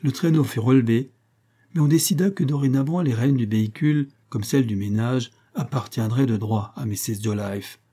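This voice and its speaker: A male audiobook narrator reads a classic novel in a measured, even storyteller's manner. His voice is mellow and warm, sitting at an ordinary mid pitch. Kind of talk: scripted narration.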